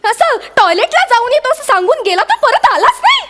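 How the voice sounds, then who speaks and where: A woman's voice: extremely high pitch, sing-song, a little fast, very noisy. An actress playing a fussy, melodramatic young wife on her honeymoon in a stage comedy sketch. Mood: grumbling. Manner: whiny and melodramatic. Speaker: comic actor in a TV sketch.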